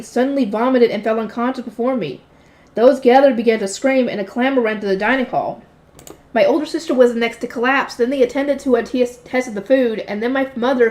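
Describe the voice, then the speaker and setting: A woman's voice: fairly high pitch, darkish tone. A woman reading a light novel aloud, unrehearsed, often slipping and correcting herself. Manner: unrehearsed reading with frequent slips and self-corrections.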